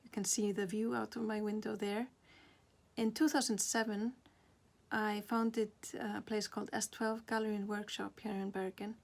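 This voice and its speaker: A woman's voice: mid-range voice, little pitch movement, moderate pace, gravelly. A woman, a glass artist presenting her work in a reflective way, often stopping to search for words. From Iceland. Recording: very roomy, distant mic, noisy background.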